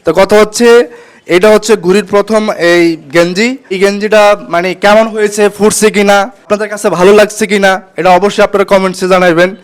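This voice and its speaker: A man vlogging casually to his viewers, chatty and excited, repeating himself. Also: sits high, quick pace, smooth. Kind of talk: casual vlog, addressing viewers.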